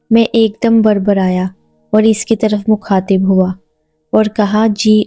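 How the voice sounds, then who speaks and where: A woman narrating a first-person romantic audio story in an even, unhurried reading voice. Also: medium pitch, no echo.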